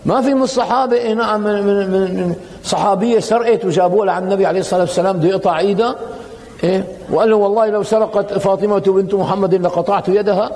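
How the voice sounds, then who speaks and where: A man's voice: high voice, rapid-fire, long reverb tail. A man preaching a colloquial sermon, telling stories and acting out the dialogue. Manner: animated, acts out quoted dialogue in storytelling.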